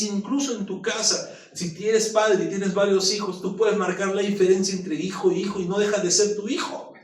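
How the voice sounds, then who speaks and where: A middle-aged man, a pastor, preaching a sermon in a lively, joking way full of rhetorical questions. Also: sits high. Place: church hall. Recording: echoey room, mic at a distance.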